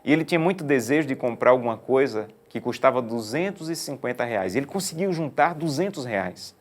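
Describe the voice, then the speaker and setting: A man pastor preaching a sermon, swinging between loud emphasis and soft, intimate appeals. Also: mid-range voice, expressive, fairly quick.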